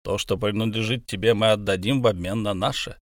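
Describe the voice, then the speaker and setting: A man playing a grave, steady human leader who speaks calmly and in a measured way. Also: fairly low pitch, dry recording, clean studio sound, close to an everyday voice. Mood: calm firm.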